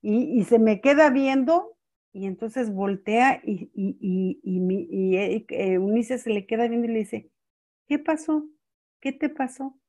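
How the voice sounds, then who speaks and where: Slow-talking older woman teaching. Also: medium pitch, dark tone. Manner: unhurried, repeats words, checks in with "¿sí?". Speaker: family-school speaker. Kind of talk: teaching talk with personal stories.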